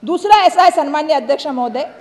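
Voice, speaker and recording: Woman, parliamentary speech, emphatic, high voice, echoey chamber reverb. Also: lively intonation, brisk, a crowd in the background. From Maharashtra. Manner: emphatic, repeatedly addressing the chair. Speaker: member of parliament.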